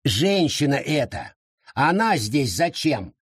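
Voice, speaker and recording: A narrator puts on a bossy old judge in a storybook, his voice pitched up high and leaping around as he shrieks orders. The tone is husky and dry. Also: very animated, takes it slowly, dry recording, full character voice. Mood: indignant. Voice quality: whiny, imperious shouting. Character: pompous, shrill old colonial judge.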